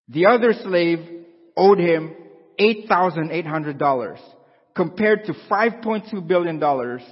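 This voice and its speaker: Man, conversational sermon, slightly higher voice, husky tone. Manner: conversational, asks the congregation questions. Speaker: pastor. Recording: dull lo-fi sound with long hall reverb.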